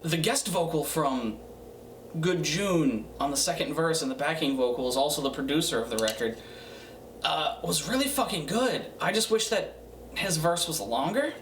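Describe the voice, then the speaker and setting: A man giving a casual, profane music review in a tipsy, rambling way, halting and repeating himself. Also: on the high side, animated, a bit bright. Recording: roomy, distant mic, faint noise.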